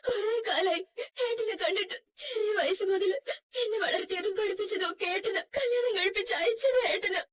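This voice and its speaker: A woman dubbing a meek, tearful young wife in a drama, speaking softly and pleadingly. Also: a little high, very fast, a little hiss or hum, lightly acted. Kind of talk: dubbed drama dialogue.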